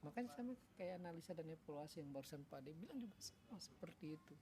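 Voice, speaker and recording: A father in a casual talk, telling a family story with lively, acted-out dialogue and earnest, reflective advice. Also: on the high side, fast, background noise. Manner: animated, acts out family dialogue. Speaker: father and podcast co-host.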